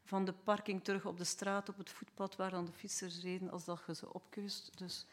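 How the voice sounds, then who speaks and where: A Flemish woman speaking as a council member, laying out local problems in earnest detail. Her voice is mid-pitched. She talks at a steady, even pace. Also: a little fast. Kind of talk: asking questions at a council meeting.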